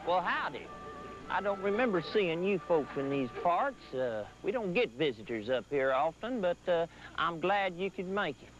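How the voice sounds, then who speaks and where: Crusty old prospector, folksy rambling comedy bit, highish voice, dull vhs sound w music. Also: male voice, very animated, normal speed. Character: grizzled old male gold prospector, folksy and cantankerous. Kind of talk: mock documentary comedy sketch. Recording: muffled old VHS tape, music behind.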